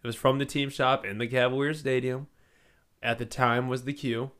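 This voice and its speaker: A man's voice: mid-range voice, little pitch movement, moderate pace, fairly bright tone, clean tone. A man in his thirties co-hosting a casual podcast, joking around and swearing freely. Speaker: podcast co-host.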